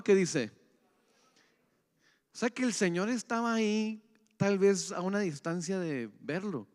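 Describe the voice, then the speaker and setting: A man's voice: a little high, a little mellow. A pastor delivering a conversational sermon, often asking his congregation questions. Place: church hall. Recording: echoey church hall.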